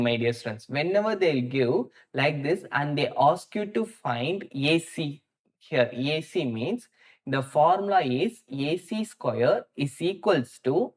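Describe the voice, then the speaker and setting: A man with an Indian accent teaching a live maths lesson, thinking out loud as he works through problems step by step and addresses students directly, often repeating words for emphasis. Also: fairly high pitch, sing-song, slow pace. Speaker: maths teacher hosting a live online class.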